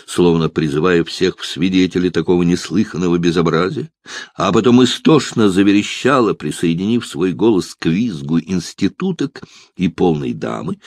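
A man narrating a story in an expressive, dramatic reading style. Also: sits low, no room sound, clean studio sound. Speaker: audiobook narrator. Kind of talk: scripted narration.

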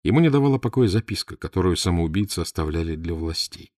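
A man reading an audiobook in measured scripted narration, close to the mic. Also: deep voice, animated, darkish tone, no echo.

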